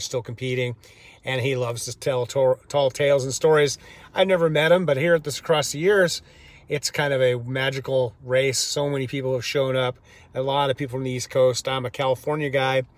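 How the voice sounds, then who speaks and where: A vlogger in his fifties from Georgia in the US stands outside his house and tells a story to a handheld camera he holds himself, rambling and chatty, full of fillers and self-corrections. His medium-pitched voice is fairly even and a little fast. The recording is dry, with faint street and construction noise behind him.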